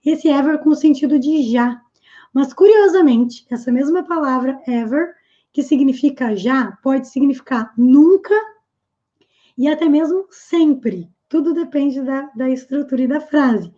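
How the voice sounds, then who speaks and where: Woman English teacher, high and mellow, slow and patient delivery, dull lo-fi sound. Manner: patient, repeats English phrases slowly and clearly. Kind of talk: explaining an English lesson.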